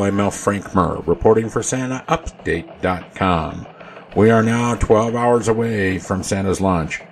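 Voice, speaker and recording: Guy doing a christmas elf radio newsman, deep voice, earnest and formal, bit of noise in the background. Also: creaky. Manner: formal newsreader delivery. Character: earnest male Christmas elf news reporter at North Pole. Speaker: news anchor. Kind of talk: mock radio news broadcast.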